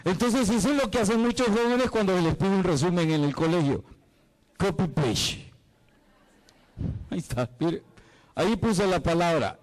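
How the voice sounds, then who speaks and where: Man with a very lively pitch. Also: rough recording. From El Salvador. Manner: dramatic, playful, asks the listener questions. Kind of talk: lively apologetics talk.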